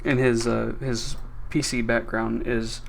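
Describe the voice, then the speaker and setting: A man at a middle pitch chats and tells stories, often stammering over his words. Loud keyboard typing and clicks carry on behind him throughout. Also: flat delivery, slow, gravelly, very noisy. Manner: stammering, chatty, tells anecdotes. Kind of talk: casual stream chat.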